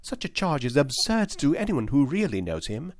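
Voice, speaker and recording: In a clean studio recording with no room sound, a man reads aloud at a moderate pace, his natural medium-pitched voice lifted above its usual register and very animated. He voices an earnest, distressed young woman who pleads insistently in a raised voice, the mood one of earnest pleading.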